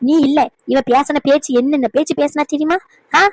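Woman playing a sneering old granny, sharp-tongued and bitter, high voice, dry studio sound. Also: steady tone, fairly quick, no echo, low-quality recording. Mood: scornful. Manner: scornful, sneering. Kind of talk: cartoon dub acting.

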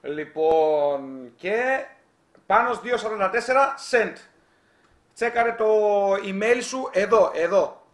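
Man, live-stream host, high voice, teasing and animated, echoey room. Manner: teasing, animated, reads chat aloud. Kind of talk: casual live-stream chat.

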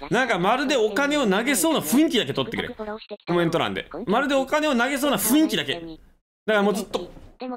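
A man's voice: high voice, big pitch swings, very fast, a crowd in the background. A man live-streaming, rambling and joking in casual chat with his viewers. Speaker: game streamer. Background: background music.

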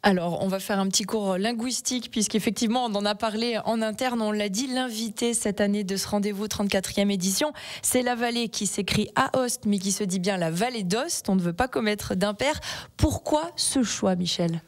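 A woman's voice: mid-range voice, normal speed. Young female radio host, fluent and engaged, studio mic. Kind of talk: radio interview. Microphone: studio mic with headphones.

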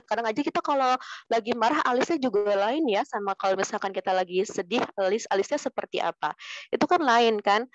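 A woman teaching children how to read poetry aloud, speaking gently and slowing down to demonstrate clear pronunciation. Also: medium pitch, no room sound. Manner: gentle, calls pupils "sayang" and "Nak", slows to demonstrate. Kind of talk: poetry reading lesson for children. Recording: dry, muffled lo-fi recording.

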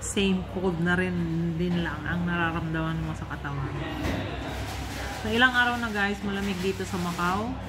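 A woman's voice: on the low side, moderate pace, background noise. A woman vlogger chatting casually to viewers outdoors, talking with a spoon at her lips. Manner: chatty, addresses viewers as guys. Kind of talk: casual chat to camera. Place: outdoors in cold weather.

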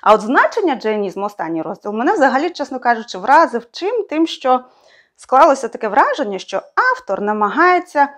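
A young woman with a fairly high voice gives a casual spoken review of a book. She thinks aloud as she goes and often stops on fillers and corrects herself. Her tone stays plain and conversational. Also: very animated, a little fast.

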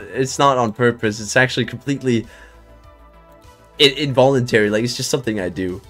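A man's voice: medium pitch, a bit bright. Laid-back man streaming a game. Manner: loose and chatty, swears, laughs often, many restarts. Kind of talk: casual live-stream game commentary.

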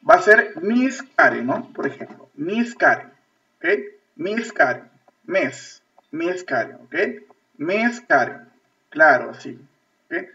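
Bright-voiced Peruvian man teaching a class. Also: high voice. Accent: Peruvian Spanish. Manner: repetitive, checks understanding with constant "ok?". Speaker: English teacher. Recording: distant, lo-fi video-call audio.

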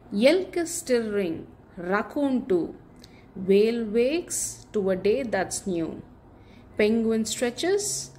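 A woman slowly reads a bedtime picture book aloud to children, carefully drawing out her phrases in an expressive, deliberate storytelling style. Her mid-range pitch moves with plenty of melody, and faint noise sits behind her.

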